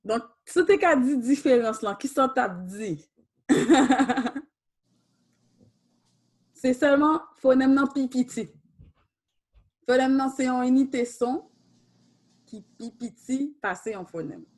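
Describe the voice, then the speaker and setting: Slow patient woman teacher. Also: high voice, darkish tone. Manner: mixes Creole and French, patient questioning. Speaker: Haitian Creole teacher. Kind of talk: teaching an online class.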